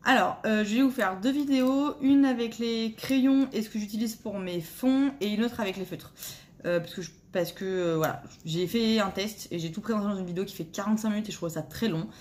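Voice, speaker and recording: A woman's voice: medium pitch, fairly quick, a little mellow. A woman vlogger casually presenting her coloring pencils, hesitant, with many fillers and restarts, and a self-deprecating manner. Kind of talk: casual chat showing art supplies.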